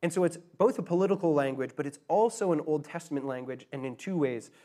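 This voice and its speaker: A man's voice: on the high side, fast talker, warm tone. A man preaching a sermon, explaining scripture with frequent restarts and self-corrections.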